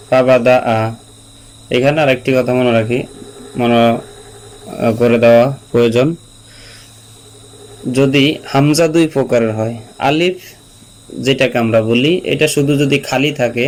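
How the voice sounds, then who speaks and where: Slow, patient man spelling out syllables. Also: mid-range voice, low-quality recording. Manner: patient, repeats syllables slowly for learners to follow. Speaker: Quran reading teacher. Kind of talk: slow spelled-out recitation lesson. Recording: steady mains hum behind the voice.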